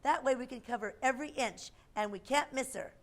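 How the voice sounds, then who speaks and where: A woman's voice: sits high, fairly quick. A woman reading a children's storybook, voicing an earnest, eager young rabbit who takes charge. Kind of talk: children's storybook read-aloud.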